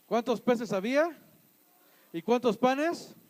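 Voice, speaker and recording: A male pastor with a Mexican accent delivering a church sermon. His voice sits high for a man. He fires rhetorical questions at the congregation, then swings from forceful loud points to quiet asides. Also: animated, slow pace, rough recording. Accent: Mexican Spanish.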